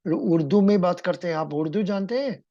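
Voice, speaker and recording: A woman's voice: fairly low pitch, expressive, racing, dark tone, no room sound, highs cut off. A woman with a Kannada-influenced Indian English accent, coaching a mock interview in an encouraging, instructive and probing way.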